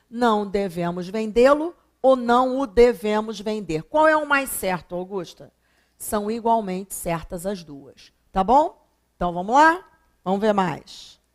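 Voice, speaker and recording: A woman teaching a grammar lesson, explaining each step and asking and answering her own questions. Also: medium pitch. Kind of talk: classroom lecture.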